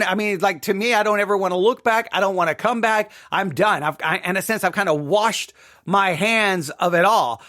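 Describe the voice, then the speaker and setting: Hosting a podcast, a middle-aged man from Texas, United States, delivers an emphatic, repetitive monologue about his own experience, leaning on "right?" to seek agreement. His voice is high-pitched, pushed, and bright.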